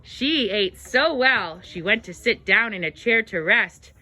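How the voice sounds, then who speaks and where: A woman's voice: medium pitch, lively intonation, measured pace, bright, forceful tone. A woman narrating a children's storybook tale aloud, with dramatic exclamations and gasps.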